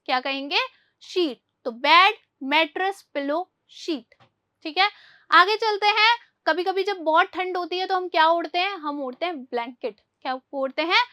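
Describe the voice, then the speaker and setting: A woman with a very high-pitched voice teaches a vocabulary lesson at a moderate pace. She asks a question, answers it, and has each word repeated, lifting her voice on each new word and dropping soft on the answers.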